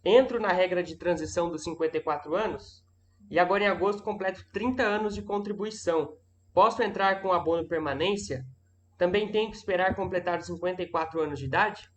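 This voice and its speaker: A man's voice: high-pitched, a little fast. A man moderating a live session, reading out viewer questions and giving brief acknowledgments between them.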